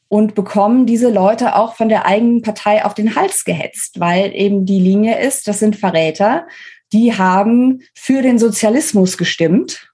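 As an interview guest, a woman offers opinionated, explanatory political analysis in a conversational style, pausing between phrases. Her medium-pitched voice is warm with a breathy edge.

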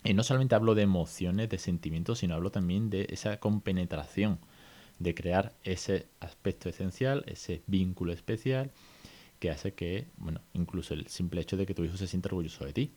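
Man, Spain Spanish accent, podcast host, lowish voice, lively chatty monologue, restarts often. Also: moderate pace. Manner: lively, chatty, many restarts and "¿vale?" checks.

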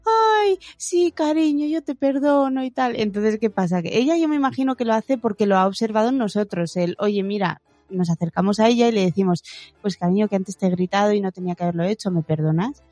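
A woman's voice: medium pitch, fast, warm tone, dry recording. A woman in her thirties speaks in a mid-range voice, chatting casually about parenting. She sometimes acts out her small daughter's sweet voice. The recording is dry and close, with faint music behind her.

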